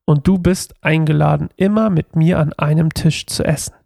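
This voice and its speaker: A man's voice: on the high side, fairly even intonation, normal speed, creaky, warm tone, dry recording, clean studio sound. A man reading the lines of a gracious ancient king, in his own voice lifted slightly. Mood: kind. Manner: read aloud with slight lift.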